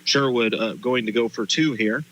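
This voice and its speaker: A man calling play-by-play in live high school football commentary. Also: normal speed, fairly bright tone, slight background noise, low-quality recording. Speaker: play-by-play announcer.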